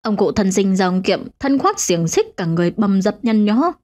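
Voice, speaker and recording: A woman narrating a ghost story for a channel, with expressive storytelling. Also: normal speed. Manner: expressive, swinging pitch.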